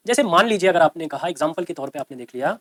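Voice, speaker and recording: High-voiced man teaching a grammar class. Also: lively intonation, fast. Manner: explains by repeating and checking with "ठीक है ना?".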